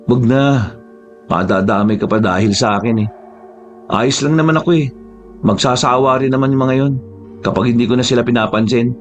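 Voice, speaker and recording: A man voicing a gentle, patient young male worker who speaks softly and mildly. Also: mid-range voice, moderate pace, long pauses, faint music behind, lightly acted. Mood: resigned. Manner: soft-spoken, mild.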